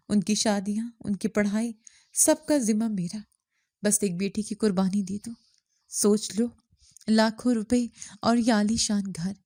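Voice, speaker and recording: A cunning rich villainess who threatens one moment and coaxes the next, voiced by a woman narrator in a mellow, low-key tone on a dry, close recording. The delivery stays measured even when menacing. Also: dry recording, natural voice. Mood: coaxing. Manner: threatening, coaxing.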